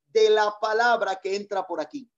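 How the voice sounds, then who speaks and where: A man's voice: high-pitched, moderate pace, creaky, muffled recording. A male pastor preaching a sermon, leading call-and-response and repeating key phrases for emphasis.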